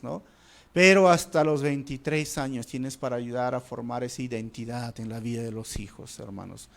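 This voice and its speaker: A man's voice: mid-range voice, creaky. A man preaching an expository Bible study as pastor, calling the listeners brothers, asking rhetorical questions and dropping his voice on key words.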